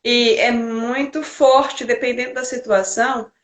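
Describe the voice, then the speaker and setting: A woman's voice: a little high, steady tone, a little slow, roomy sound. A woman interviewer asking probing questions in a conversational way.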